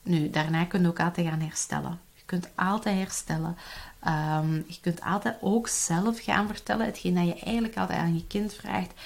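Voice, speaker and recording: Lively Flemish woman coaching parents. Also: on the low side, moderate pace, vocal fry. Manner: lively, conversational, frequent "hè" tags. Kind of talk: explanatory talk to parents.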